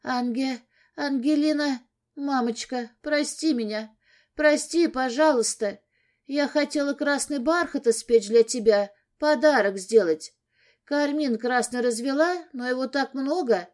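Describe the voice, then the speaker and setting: A woman's voice: sits high, a little slow, a little mellow, pitched above the performer's own voice. A woman voicing a guilty, tearful, impulsive teenage daughter who pleads for forgiveness in an audiobook story. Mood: pleading, tearful.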